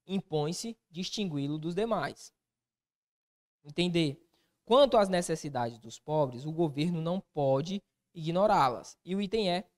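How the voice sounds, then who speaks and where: A man teaching an exam-prep grammar lesson, asking himself questions as a student and answering them in casual slang. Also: sits high.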